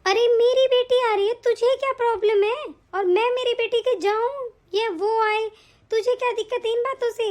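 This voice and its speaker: A woman voicing a bitter, self-pitying older mother-in-law in an animated story, complaining and reproachful. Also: extremely high pitch, moderate pace. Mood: defensive.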